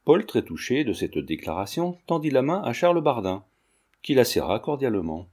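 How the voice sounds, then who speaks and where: A man narrates an audiobook in a steady, unhurried voice. His tone is mellow and dark, and his pitch sits in the middle range. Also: slightly rough. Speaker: audiobook reader. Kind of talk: scripted narration.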